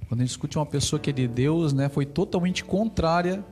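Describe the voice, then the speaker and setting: Gentle male host. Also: fairly high pitch, fast talker, soft background music. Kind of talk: radio-style interview hosting.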